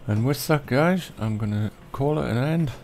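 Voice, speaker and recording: A man giving relaxed, rambling commentary over a farming game, with lots of ums. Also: mid-range voice, moderate pace, slight background noise. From Britain. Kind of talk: casual gameplay commentary.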